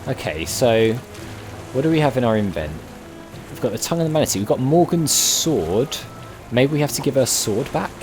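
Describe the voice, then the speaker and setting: Guy doing casual let's play commentary, lively pitch, thinking out loud, game music behind. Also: moderate pace. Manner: musing aloud, questioning. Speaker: gamer, let's play host.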